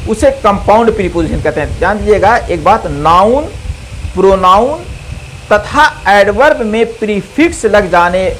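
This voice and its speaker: A man giving a recorded grammar lesson as a teacher, who speaks slowly, repeats key terms, and asks and answers his own questions. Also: high-pitched, expressive, fairly bright tone, slight background noise, rough recording. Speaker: English teacher.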